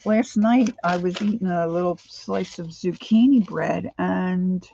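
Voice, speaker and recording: Muffled livestream audio; American woman, middle-aged, lowish voice, slight lisp from missing teeth, rambling, chatty host. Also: a little slow, gravelly, warm tone. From Pennsylvania, United States. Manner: rambling, chatty, addresses viewers by name. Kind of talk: casual livestream chat. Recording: dull, lo-fi sound.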